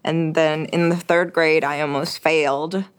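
Speaking a little slowly in a low, smooth voice with little pitch movement, a young French-speaking woman from Quebec is a guest in an interview. She's chatty and casual, often using fillers and starting over.

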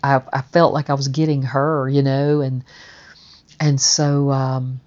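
A woman's voice: a bass voice, level tone, unhurried, darkish tone. A woman telling a personal story in a chatty, rambling way, full of fillers and restarts. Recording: dull, muffled audio.

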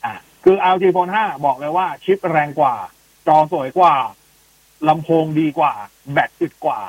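A man's voice: on the high side, moderate pace, no room sound, low-quality recording. A man co-hosting a casual tech podcast, chatty and full of fillers as he explains phone choices to listeners. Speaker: tech podcast co-host answering listener questions. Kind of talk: casual chat.

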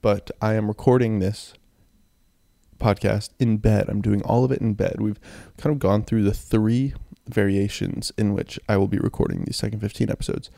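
A young man with a phlegmy, sick throat rambles in a low-key way as he hosts a casual solo podcast into a close handheld mic. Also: steady tone, moderate pace, gravelly, mellow, dry recording. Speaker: podcast host. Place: in bed, indoors. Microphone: handheld mic and audio recorder, close.

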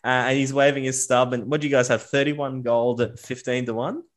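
A man's voice: medium pitch, flat delivery, fairly quick. A man running a tabletop game as game master, telling the action in a loose, casual way with many fillers.

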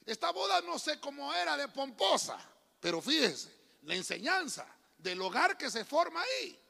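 A man's voice: extremely high pitch, big pitch swings, normal speed, vocal fry, bright, forceful tone. A man preaching a sermon, calling out to the congregation and often calling them brother. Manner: calls out to congregation, repeats "hermano". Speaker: pastor. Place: church hall. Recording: long hall reverb.

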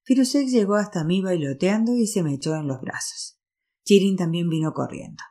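A woman reads a novel aloud in the first person, with a steady storytelling manner. Her voice sits low and sounds warm and mellow. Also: moderate pace. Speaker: narrator. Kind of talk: audiobook reading of a novel.

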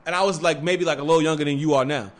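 High-voiced young man, slangy and profane. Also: rapid-fire. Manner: profane, rambling street slang with many fillers; animated, breaks into laughter. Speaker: storyteller. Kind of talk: casual chat.

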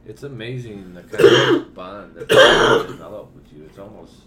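A man's voice: lowish voice, lively intonation, moderate pace, a crowd in the background. A man in his forties chatting casually, loose and profane, often trailing off and restarting. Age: 40s. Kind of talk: casual chat. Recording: roomy with background noise.

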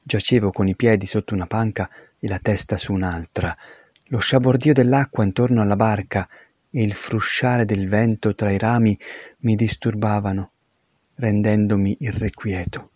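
A man narrating an audiobook in a steady, measured reading. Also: on the low side, no echo.

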